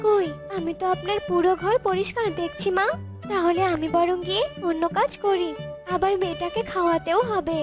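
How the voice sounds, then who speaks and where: A woman's voice: very high voice, fairly even intonation, brisk. A woman as a pleading young mother. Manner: pleading, reproachful. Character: young, tired, patient daughter-in-law and mother. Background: background music.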